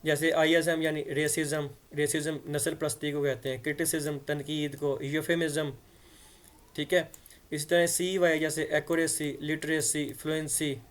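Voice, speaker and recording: A man teaching English grammar in a conversational way, spelling words out letter by letter and often checking that listeners follow. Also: on the high side. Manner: conversational, checks understanding with repeated "theek hai". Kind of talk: explanatory lesson in Hindi-Urdu.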